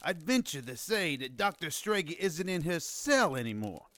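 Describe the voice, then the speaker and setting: Cocky mocking male needler, sardonic, highish pitch, animated delivery, audio drama. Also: moderate pace, no echo. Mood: taunting. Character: cocky, mocking wise guy from an enchanted world.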